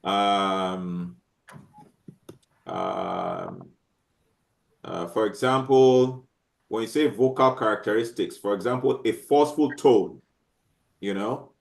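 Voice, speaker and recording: A male teacher lectures his class haltingly, restarting often, using many fillers and frequently checking that students follow. His pitch is fairly low, with vocal fry.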